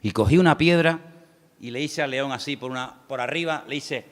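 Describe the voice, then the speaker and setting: A man's voice: medium pitch, fairly quick. A man preaching a sermon as pastor, telling a personal story and reading scripture aloud, calling the congregation brother and asking for amens. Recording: long hall reverb.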